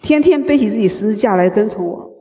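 A man's voice: high voice, lively intonation, quick pace, dark tone. A man serving as a sermon interpreter, rendering the message phrase by phrase. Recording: reverberant hall.

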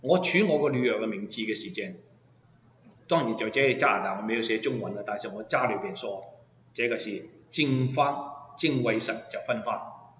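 A man's voice: on the low side, normal speed, fairly bright tone, a little hiss or hum. A man preaching a sermon as pastor, emphatic and full of rhetorical questions to his listeners. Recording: echoey hall, dull sound.

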